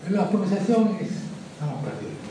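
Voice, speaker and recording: A man's voice: high voice, expressive, quick pace. A man lecturing a class in a loose, chatty way, often asking "¿no?" and laughing at his own jokes. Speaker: teacher of Sanskrit and language. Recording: echoey room, voice from far off, noise.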